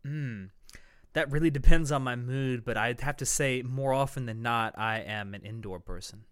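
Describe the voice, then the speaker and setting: A man's voice: mid-range voice, moderate pace, fairly bright tone, clear, resonant tone, dry recording, studio quality. A man in casual game chat, playing along and often thinking aloud. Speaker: player in a dating guessing game.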